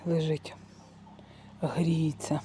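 A woman's voice: low-pitched, little pitch movement, drawn-out words, warm tone, slight background noise. A middle-aged woman vlogging casually outdoors in a village garden, chatting homely to the camera as she shows things. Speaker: family vlogger. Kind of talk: casual vlog narration.

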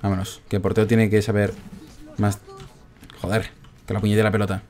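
A man casually commentating his own gameplay, chatty and excitable, groaning at every miss. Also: on the low side, brisk. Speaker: gaming streamer.

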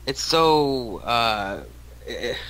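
Bright, clear-voiced man in his thirties. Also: mid-range voice, lively intonation, rough recording. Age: 30s. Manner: halting, many restarts and fillers. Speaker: guest. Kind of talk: casual interview talk.

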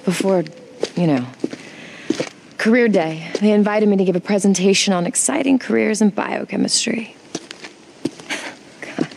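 A woman plays a cautious American scientist in a survival video game. Her mid-range voice is practical and dryly matter-of-fact, always wary. There is clear noise behind her. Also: medium pitch, moderate pace, pauses often, natural voice. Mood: wry, reflective. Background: game ambience.

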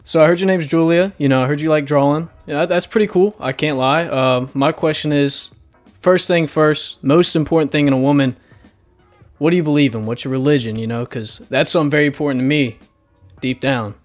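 A man's voice: on the high side, fairly quick, soft background music. Rambling Southern man chatting. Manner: rambling, talkative, easily sidetracked. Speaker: dating show contestant. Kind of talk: casual voice chat.

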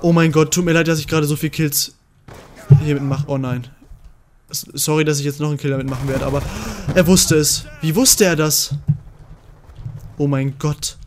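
Young male gaming host, fairly high voice, excitable live play-by-play, faint hiss behind. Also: normal speed, long pauses. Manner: excitable, swings from muttering to shouting. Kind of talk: live gameplay commentary.

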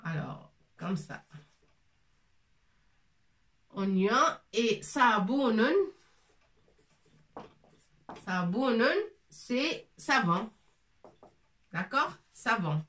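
A woman teaches letter sounds slowly, repeating each one and checking that students follow. Her voice is bright and slightly high. She sounds set back from the microphone. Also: lively intonation. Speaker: Arabic teacher. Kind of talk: slow whiteboard language lesson. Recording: voice from a distance.

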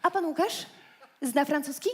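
A woman in a stage comedy sketch, playing the boss's daughter who briskly hands out orders. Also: high-pitched, fairly bright tone.

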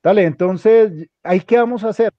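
A man's voice: high-pitched, normal speed, no room sound. A man teaching a hands-on computer class, giving directions step by step and repeating them often. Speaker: instructor. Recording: dull lo-fi recording.

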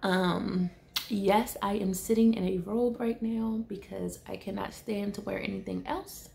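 Woman vlogger, 30s, casual and rambling, some vocal fry. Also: mid-range voice, steady tone, unhurried, warm tone, slight background noise. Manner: chatty, loose and self-correcting, laughing at herself. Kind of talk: casual vlog talk to camera. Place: indoor room with window blinds. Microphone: camera in front of her.

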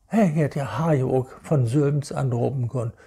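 A man with a Hamburg Low German accent, talking in a casual, rambling monologue and sounding indignant. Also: normal speed, dark tone, breathy edge. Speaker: vlogger.

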